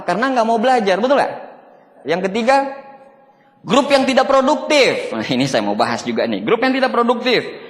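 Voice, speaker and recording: A man giving a motivational seminar talk, often asking the audience whether they agree. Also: very high-pitched. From Indonesia. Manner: asks the audience for agreement, mixes casual and formal speech. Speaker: motivational speaker. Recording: long hall reverb.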